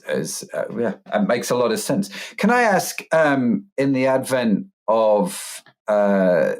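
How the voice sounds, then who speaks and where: A man hosting a podcast, listening supportively and asking questions, often ending with tag questions. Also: on the low side. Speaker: podcast host. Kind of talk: casual podcast interview.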